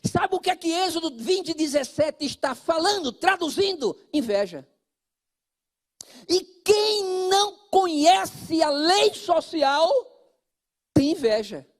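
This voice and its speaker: Brazilian pastor guy preaching, high voice that swoops all over, loud then hushed. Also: takes it slowly. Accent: Brazilian Portuguese. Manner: animated, swings from loud to hushed, talks directly to the congregation. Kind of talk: sermon.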